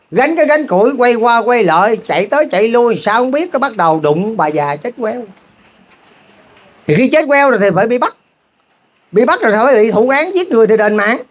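A lay preacher with a Southern Vietnamese accent, telling a moral story as a sermon and keeping the congregation involved with rhetorical questions. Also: medium pitch. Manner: keeps asking the audience rhetorical questions; repetitive, folksy, halting restarts.

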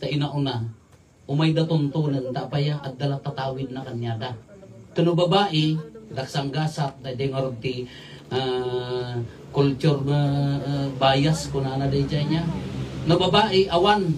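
At night outdoors by a makeshift altar, a middle-aged priest with a fairly high voice gives an informal, jokey homily in halting phrases and rhetorical questions, mixing the local language with English terms. His stand microphone is filmed from afar, so the capture is distant and slightly off-mic.

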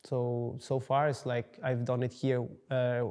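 A man's voice: mid-range voice, monotone, measured pace, darkish tone. A young man from Peru, answering interview questions casually and searching for words with many fillers. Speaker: coffee entrepreneur, interviewee. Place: dark studio, indoors.

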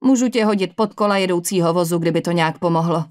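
A woman's voice: lowish voice, darkish tone, no room sound, studio quality, lightly acted. A woman with a Czech accent voicing a cheerful, teasing young male soldier in an audiobook, with light, joking banter.

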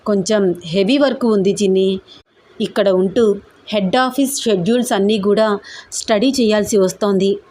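A loving young man reassures his girlfriend in a steady, serious way, voiced by a woman reading an audio story. The pitch stays at the middle, with no deep shift for the male part. The delivery is plain storytelling, reassuring and earnest. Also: normal speed, close to an everyday voice.

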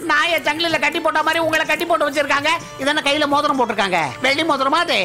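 A woman's voice: high-pitched, fairly even intonation, rapid-fire, sharp tone, soft background music. A woman dubbing a chatty young woman in a film, talking in a teasing, fussing way over a film score.

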